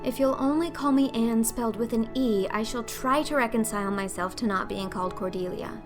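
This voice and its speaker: Woman as a high-voiced, dramatic orphan girl. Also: a little fast, music in the background, close to an everyday voice. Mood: eager, pleading. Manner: theatrical, earnest, pleading. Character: dramatic, talkative, imaginative eleven-year-old orphan girl. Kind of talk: audiobook character acting.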